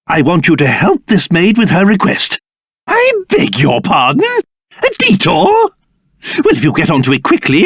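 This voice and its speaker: A man's voice: sits high, slightly rough, dry recording, studio quality, full character voice. Pompous British monster King Trode, wildly swooping. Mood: impressed, commanding. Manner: pompous, fussy, excitable, exaggerated delivery. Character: pompous, fussy old king turned into a small monster. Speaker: video game character voice actor. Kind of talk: theatrical video game voice acting.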